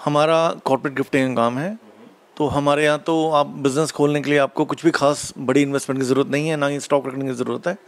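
A middle-aged man, a shop owner, answering interview questions calmly in an indoor office, speaking into a handheld mic held out by the interviewer. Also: fairly high pitch, fast talker.

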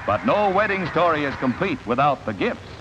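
A man narrating an old newsreel in a brisk, upbeat announcer style. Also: fairly high pitch, big pitch swings, noisy background. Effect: old newsreel sound. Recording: dull lo-fi 1940s newsreel with music.

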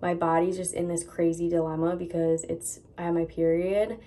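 A woman's voice: lowish voice, level tone, normal speed, mellow. A woman in her twenties talking casually to the camera in a vlog, chatty and upbeat, filmed on a handheld phone. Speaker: vlogger. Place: beach outdoors and home rooms. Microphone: handheld phone camera at arm's length. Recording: noisy phone recording.

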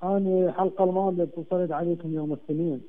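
Man from Mosul on a faint, tinny phone line. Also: fairly even intonation. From Mosul, Iraq. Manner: halting, repeats himself. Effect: faint, low-quality phone line. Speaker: caller. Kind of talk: call-in question to a radio show.

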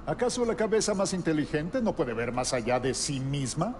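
A very old god king from a video game, sly and menacing. His voice sits slightly high and moves widely in pitch as he bargains in measured, pointed phrases. There is clear noise behind him. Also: sing-song, darkish tone. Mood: mocking, sly. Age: older. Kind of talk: dramatic video game cutscene acting.

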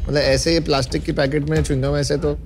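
A man's voice: a little high, level tone, fast talker, gravelly, a little mellow. A man on an investor panel, asking blunt, teasing questions in a casual, bantering way. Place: TV studio set, seated. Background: music.

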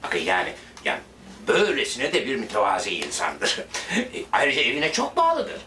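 An actor playing an older grandfather who makes a formal, flattering speech. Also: mid-range voice, moderate pace, recorded from a distance, slight background noise. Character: grandfather making a marriage proposal speech. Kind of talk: sitcom acting.

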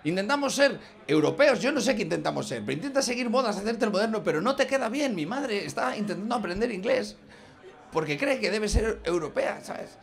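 Lively exasperated Spanish stand-up comedian. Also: male voice, high voice, brisk, vocal fry. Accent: Spain Spanish. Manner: rambling, exasperated, peppers lines with "¿sabes?". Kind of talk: stand-up monologue. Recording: audience laughter in the room.

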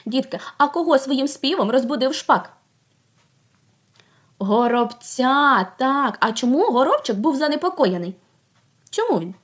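A woman leads a class of young children. Her voice sits a little high and swings widely in pitch. She asks gentle questions, praises often and draws words out slowly to sound them out. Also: very animated. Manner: slow, drawn-out sounding out of words. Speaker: preschool teacher.

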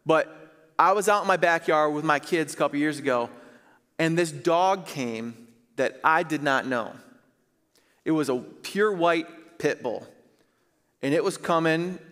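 A man in his thirties, a pastor preaching on a church stage, earnest and emphatic, slowing to stress key phrases. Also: a little high, a bit bright. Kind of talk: sermon. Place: large church stage, indoors. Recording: reverberant church hall.

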